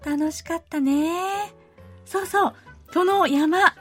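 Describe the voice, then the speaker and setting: A woman voicing a cheerful young girl in a radio comedy skit, talking in an excited, bubbly way. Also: high voice, slow pace, faint music behind, pitched above the performer's own voice. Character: cheerful young girl named Mimi-chan.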